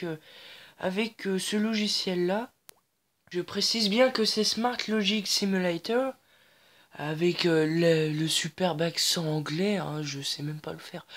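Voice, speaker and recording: A woman hosts a screen-recorded tutorial on logic circuits. She talks at a slow, unhurried pace in a mid-range voice. She hesitates often, fills gaps and corrects herself as she goes. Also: medium pitch. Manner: hesitant, many fillers and restarts, self-correcting. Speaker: tutorial host.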